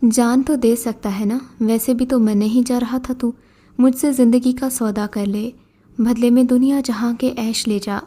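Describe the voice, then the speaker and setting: A scornful old jinn in a beggar's guise, mocking and bossy, as a woman storyteller reads him. The voice sits fairly high and mellow. It sounds like a storybook being read aloud. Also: steady tone, natural voice. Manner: scornful, commanding.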